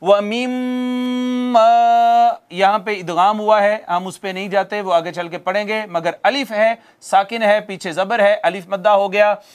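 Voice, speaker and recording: A man teaching Quran recitation, explaining rules, quizzing his students and slowly chanting the examples. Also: high voice, steady tone. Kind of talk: recorded tajweed lesson.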